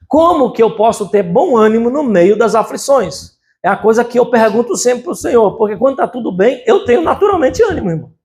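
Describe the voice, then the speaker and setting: A man preaching a sermon at a church service, calling out "amen?" to the congregation and swinging between loud exclamations and quiet asides. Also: extremely high pitch. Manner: emphatic preaching with call-and-response "amém?". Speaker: pastor.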